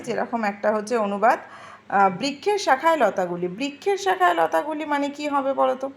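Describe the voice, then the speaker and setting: A woman's voice: on the high side, gravelly, a little hiss or hum. A woman teacher patiently explaining Sanskrit grammar to students, repeating word forms and checking they follow. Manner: patient, repeats forms slowly and asks "ঠিক আছে?".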